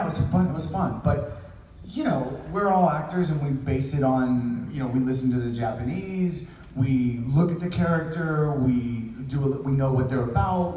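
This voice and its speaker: A man talking on a convention stage in a warm, mellow voice, thinking out loud in long rambling answers. His voice carries over the hall speakers and is caught by a phone far back in the audience, so it comes through roomy and distant with a little background hiss. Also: medium pitch. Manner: chatty, reflective, rambling explanations. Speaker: voice actor panelist. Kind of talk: convention panel chat. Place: large convention panel hall. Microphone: panel mic through hall speakers, caught on a phone in the audience.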